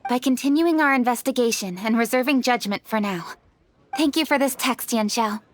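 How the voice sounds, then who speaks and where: A woman's voice: a little high, normal speed, a little hiss or hum, natural voice. A woman playing a composed, studious young noblewoman in a video game, speaking formally and articulately. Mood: composed, analytical.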